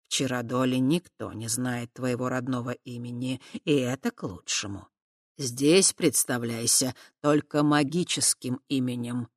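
A reader voicing a calm, kindly fat horned man who speaks softly and deliberately. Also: medium pitch, no room sound, clean studio sound, voice pushed down. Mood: gentle. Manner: slow, soft, measured. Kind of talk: audiobook character voice.

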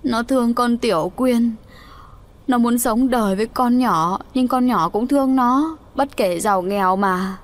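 A woman's voice: a little high, unhurried, close to an everyday voice. A woman voicing a grieving village mother who wails and accuses, in a storybook reading. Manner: wailing, reproachful.

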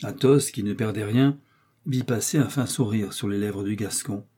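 Male narrator, scripted narration, steady, husky. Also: on the low side, normal speed. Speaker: audiobook narrator.

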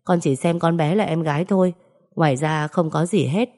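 A woman voicing a grown son who talks to his mother in a gentle, respectful way. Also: deep voice, moderate pace.

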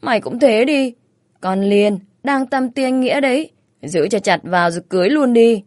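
A woman's voice: on the high side, animated, moderate pace, a little mellow, dry recording, clean studio sound, pitched above the performer's own voice, close to an everyday voice. A woman reading a story voices a blunt, teasing young woman who bosses her younger friend around. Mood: bossy.

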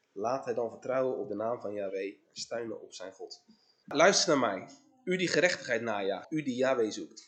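A man giving a solemn scripture reading in a congregation, measured and deliberate, lifting his voice on key phrases. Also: medium pitch.

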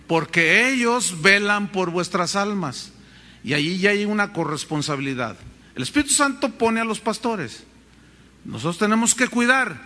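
A man preaching a sermon as pastor, telling animated stories and acting out voices. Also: high voice. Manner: animated storytelling, acts out voices.

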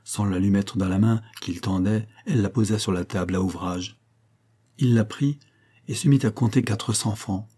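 A man narrating a classic novel chapter in a measured, even way. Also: fairly low pitch, slightly rough. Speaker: audiobook narrator. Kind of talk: scripted literary narration.

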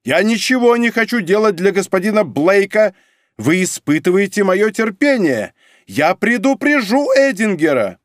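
Guy voicing a jealous old prof who squeals, high and jumpy, storybook reading. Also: sing-song, normal speed, no room sound, studio quality. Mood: agitated. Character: shrill jealous older male German professor. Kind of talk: audiobook character reading.

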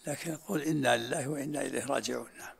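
A man's voice: mid-range voice, rapid-fire, vocal fry, husky. An older man teaching a religious lesson in short, repeated phrases and answering students' questions.

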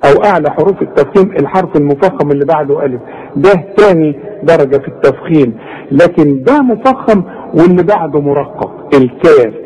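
A man with an Egyptian Arabic accent teaches Quran recitation in a chatty, direct way. His voice sits a little high yet sounds dark and mellow. He keeps stretching single syllables to show how each one should sound. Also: animated, slightly rough, rough recording. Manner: models recitation slowly, syllable by syllable, in drawn-out demonstrations; direct, colloquial coaching aimed at the student. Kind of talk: Quran tajweed lesson.

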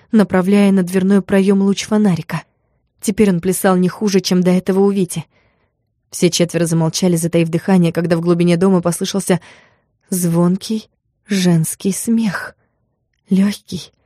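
A woman narrating a story in an even, measured way. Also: mid-range voice, no echo, clean studio sound. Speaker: audiobook narrator. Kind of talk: scripted narration.

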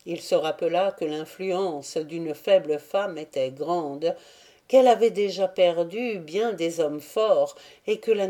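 A woman reading a classic novel aloud as an audiobook narrator, measured and steady. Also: on the low side. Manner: slow, measured storytelling. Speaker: audiobook reader. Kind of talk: scripted narration.

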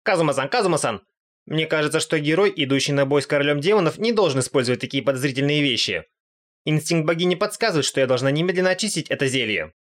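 Aqua, a shrill goddess, voiced by a man. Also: lively intonation, fast talker, fairly bright tone. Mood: pleading. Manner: shrill, indignant, whiny. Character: loud brash young female goddess.

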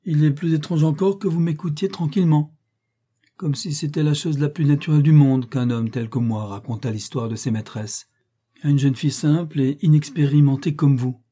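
A man reading the lines of a brooding, bitter middle-aged gentleman in a slow, declamatory way. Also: a little high, slightly rough, pitched above the performer's own voice. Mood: impassioned.

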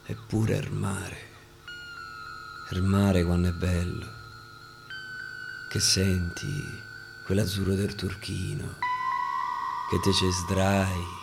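A male actor and storyteller with a Roman accent performs dialect verse theatrically, shifting dramatically between hushed and declaimed passages. His low, creaky voice keeps a level tone, moving slowly with frequent pauses, over background music.

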